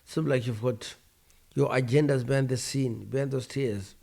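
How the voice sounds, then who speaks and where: A man's voice: medium pitch, fairly even intonation, moderate pace, gravelly, darkish tone. A man giving casual, frank, opinionated commentary on online personalities, often breaking into exclamations. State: tired, yawning. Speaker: online commentator reviewing YouTubers.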